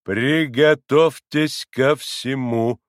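A man reading aloud and voicing a haughty, impatient doctor who speaks slowly and pompously, hammering every syllable. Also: fairly high pitch, animated, dry recording, studio quality, pitched above the performer's own voice. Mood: condescending. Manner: clipped, pompous, stressing each syllable. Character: haughty impatient middle-aged male doctor.

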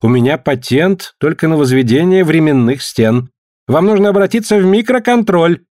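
A man's voice: fairly high pitch, animated, moderate pace, darkish tone, no echo, studio quality, voice pushed up, natural voice. A man reading a story aloud and voicing a curt, dismissive security service man.

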